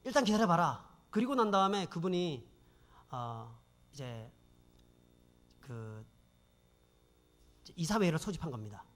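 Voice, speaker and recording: A man's voice: fairly high pitch, very animated, slow, long pauses. A man preaching a sermon testimony, telling his story dramatically and addressing the congregation. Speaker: pastor.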